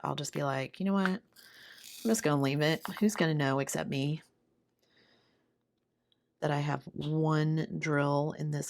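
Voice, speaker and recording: A craft video host with a low, gravelly, hoarse voice chats casually while doing a craft, murmuring to herself as she works. She is sick, and her voice is failing and giving out.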